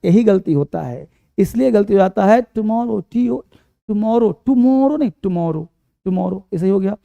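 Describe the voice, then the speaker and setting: A man's voice: sits high, lively intonation, measured pace, vocal fry, dark tone, no room sound. A man teaching English spelling for exams, chanting letters over and over and quizzing his students. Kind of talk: exam-prep spelling lesson.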